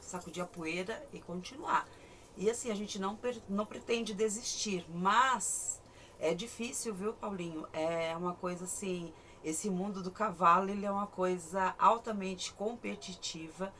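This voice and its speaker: A middle-aged woman with a Brazilian accent, a horse breeder chatting and telling stories in a lively way, often laughing. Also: medium pitch, a little slow, slight background noise. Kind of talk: casual conversation.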